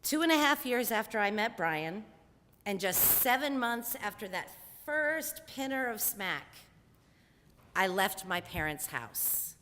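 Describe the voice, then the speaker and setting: A woman's voice: mid-range voice, very animated, slow, sharp tone, in a large hall, slight background noise. A woman in her forties telling a candid, wryly humorous personal story on stage.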